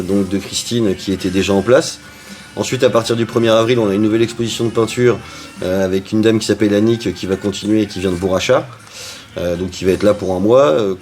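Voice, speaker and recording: A man's voice: on the low side, darkish tone. A man who owns and cooks at a restaurant, answering interview questions in a chatty way with frequent hesitations. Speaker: restaurant owner and cook.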